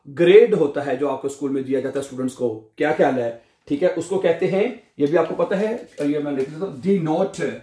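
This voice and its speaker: Slow-speaking male teacher with a Pakistani accent. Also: a little high, dark tone. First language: Urdu. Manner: drawls German words slowly, asks students questions. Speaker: German teacher. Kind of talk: slow vocabulary lesson. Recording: echoey room.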